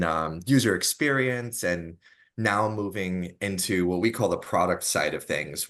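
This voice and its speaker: A man's voice: deep voice, a bit bright. A man speaking as a guest accessibility engineer, thoughtful with uh fillers. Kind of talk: conversational interview answers.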